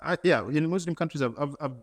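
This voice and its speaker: A man's voice: a little high, fast, long reverb tail. A man from Tanzania, answering as an interview guest in an earnest, reflective way, often repeating words and restarting.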